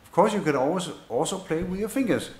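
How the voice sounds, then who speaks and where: A man giving a bass lesson, explaining in a halting way with many fillers and restarts and counting beats aloud. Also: expressive. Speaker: bass teacher. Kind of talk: instrument lesson demonstration. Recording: roomy echo with loud bass playing.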